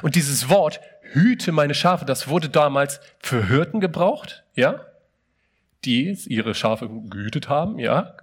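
A man's voice: mid-range voice, animated, takes it slowly, breathy edge. A man preaching a sermon in a casual, emphatic way, asking his listeners many rhetorical questions and often opening a phrase with "hey".

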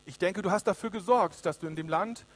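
A man's voice: high-pitched, a little fast. Sly court jester, blunt truth-teller, probing and pointed, read by a male preacher. Storybook reading within a sermon. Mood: teasing.

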